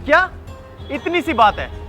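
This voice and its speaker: A man's voice: very high voice, big pitch swings, unhurried, over music, full character voice. A young man playing an arrogant diner who talks down to a waiter with contempt. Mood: scornful. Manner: scornful, bullying, contemptuous. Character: arrogant young man on a first date, rude to staff. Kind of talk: web short drama acting.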